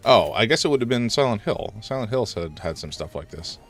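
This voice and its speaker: Streaming a horror game live, this man rambles as he comments, talks with his viewers and yells at the scares. His voice is lowish and a little congested, with big pitch swings and a brisk pace, and faint music plays behind him.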